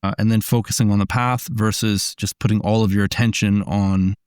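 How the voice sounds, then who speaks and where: A man's voice: fairly low pitch, steady tone, fairly quick, darkish tone, clear, resonant tone, dry recording, studio quality. A man as a podcast guest, explaining ideas earnestly in casual conversation, often restarting his sentences.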